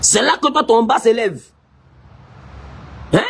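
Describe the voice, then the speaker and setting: A male pastor with an Ivorian French accent, preaching a lively sermon and teasingly scolding his listeners. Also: extremely high pitch, measured pace, creaky, a little hiss or hum.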